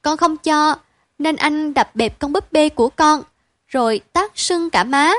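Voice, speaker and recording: A woman's voice: sits high, measured pace, no echo, pitched above the performer's own voice. A woman voicing a small tearful girl telling on her brother, in a storybook reading. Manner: soft, sniffly complaining.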